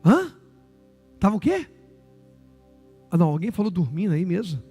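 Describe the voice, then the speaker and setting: A man's voice: high voice, big pitch swings, normal speed, warm tone, breathy edge, faint music behind. A man with a Brazilian Portuguese accent, a pastor preaching a sermon in church, often asking the congregation questions, repeating their answers and adding joking asides.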